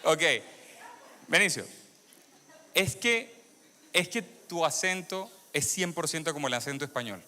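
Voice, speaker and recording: A man's voice: on the high side, expressive, measured pace, pauses often, pushed and bright, a little hiss or hum. A man born in Venezuela giving a sermon testimony to a congregation, questioning the audience and repeating phrases for emphasis. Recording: long hall reverb.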